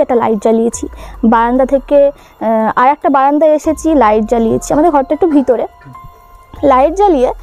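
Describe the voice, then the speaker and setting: A woman's voice: high voice, a little mellow. A young woman recounting a childhood ghost experience in a casual, hesitant way, with many fillers and restarts. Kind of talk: casual spoken true ghost story.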